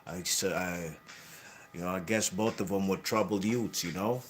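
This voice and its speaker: A man with a fairly low voice talks boxing history off the cuff. He rambles, corrects himself mid-sentence and keeps tagging his lines with "you know what I'm saying". A faint hiss of noise sits under the recording. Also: normal speed. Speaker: boxing channel host. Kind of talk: casual boxing history talk.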